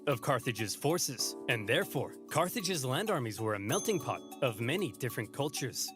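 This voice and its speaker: A man's voice: medium pitch, very animated, normal speed, music in the background. A man giving a scripted, comedic narration of history, as the narrator of a video.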